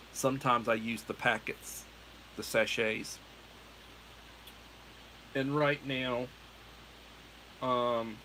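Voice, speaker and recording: A middle-aged American man hosts a livestream, rambling casually and meandering, often correcting himself. His voice is mid-range with a sharp tone, and the rough recording carries slight background noise.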